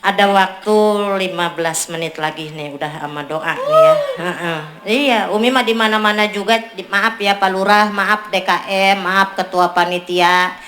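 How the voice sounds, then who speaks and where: A female Islamic preacher from Tangerang, Indonesia, gives a humorous sermon at a neighborhood religious gathering during a community celebration, joking, teasing and bantering with the crowd. Her mid-range voice is fairly bright, with lively intonation and a moderate pace. The sound-system recording is echoey and noisy.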